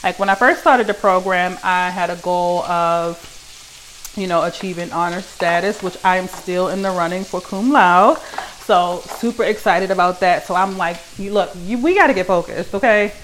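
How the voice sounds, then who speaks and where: A woman's voice: on the low side, fairly even intonation, normal speed, fairly bright tone, a little hiss or hum. A young woman, chatting casually with her podcast listeners as host while she cooks dinner at home. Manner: chatty, addresses listeners as y'all. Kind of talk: casual solo podcast chat. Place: home kitchen while cooking.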